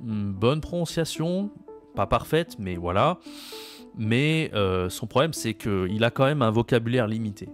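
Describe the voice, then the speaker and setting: A man with a French accent explaining French usage to learners, patiently repeating key phrases slowly. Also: fairly low pitch. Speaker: French teacher.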